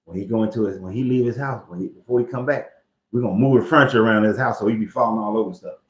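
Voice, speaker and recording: A man's voice: lowish voice, very fast. A man hosting a casual commentary on scripture, loose and joking, with slang and cursing. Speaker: host. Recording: echoey, dull lo-fi room sound.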